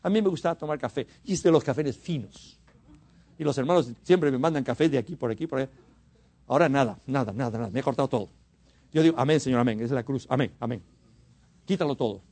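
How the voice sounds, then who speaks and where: A man's voice: medium pitch, fast talker. Fervent Mexican man preaching a sermon. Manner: fervent, rises to emphatic exhortation then drops to quiet asides; repeats and restarts words for emphasis.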